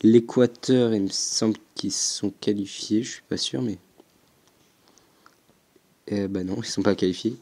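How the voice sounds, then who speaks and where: Slow, low-voiced young man thinking aloud. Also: mellow. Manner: slow, hesitant, thinking aloud with frequent "euh". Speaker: gaming YouTuber. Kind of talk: casual gaming commentary.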